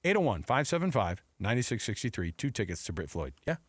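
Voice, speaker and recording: A fairly low, slightly rough male voice belongs to a middle-aged man hosting sports radio, talking a little fast as he jokes around and tells animated stories in casual chat. He's close on a studio mic, with no room sound.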